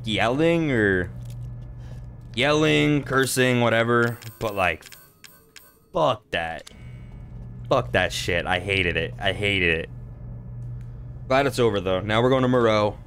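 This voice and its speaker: Excitable cursing gaming commentator, man. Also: mid-range voice, a little slow, long pauses, a little hiss or hum. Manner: expressive, profane, excitable. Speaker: gaming streamer. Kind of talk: casual let's-play commentary.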